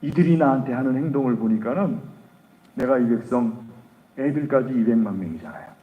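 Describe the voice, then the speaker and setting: A man's voice: mid-range voice, expressive, a little fast, echoey room, distant mic, narrow, tinny audio. A man preaching a sermon as pastor, telling the story dramatically and acting out the quoted voices. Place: church sanctuary.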